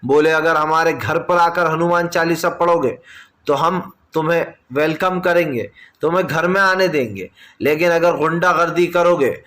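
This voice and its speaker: A man's voice: a little high, fairly bright tone. A man delivering opinionated political news commentary, addressing viewers directly as friends in an argumentative, insistent way.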